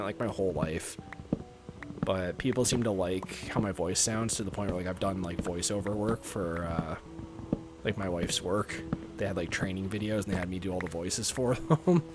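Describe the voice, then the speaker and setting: A young North American man streams a game and chats casually, rambling with lots of "like" and laughing easily. His low, natural voice has a chill voiceover tone, he talks at normal speed, and music plays in the background.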